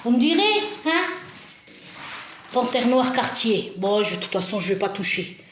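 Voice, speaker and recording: A woman's voice: on the high side, very animated, unhurried, roomy sound, a little hiss or hum. A woman chatting casually as she decorates a shelf at home, self-mocking and often laughing, speaking to a camera set a little way off. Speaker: home vlogger. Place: indoors at home.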